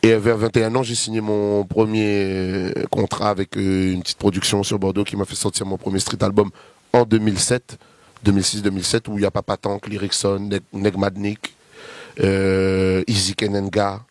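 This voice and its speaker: Chatting casually in an interview, a man in his thirties from Réunion rambles through lengthy lists with plenty of fillers. He has a Réunionese French accent and is a guest artist; his fairly low voice barely shifts in pitch, moving at a moderate pace with no room sound.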